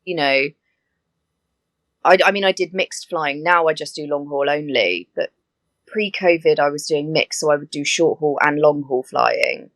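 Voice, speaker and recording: A woman who works as an air hostess, telling stories in a chatty, animated way with laughing asides. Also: deep voice, normal speed, no echo. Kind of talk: casual interview chat.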